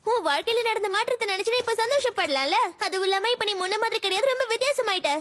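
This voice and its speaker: A woman's voice: very high-pitched, fast, a bit bright. A woman dubbing an earnest robot cat from the future in a cartoon, scolding and then tender. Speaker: dub voice actor. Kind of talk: cartoon dub acting.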